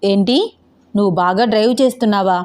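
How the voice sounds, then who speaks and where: A woman's voice: mid-range voice, fast talker, a little mellow, close to an everyday voice. A woman voicing a playful, teasing young man who patiently teaches his girlfriend to ride a scooter, read as an audio novel character.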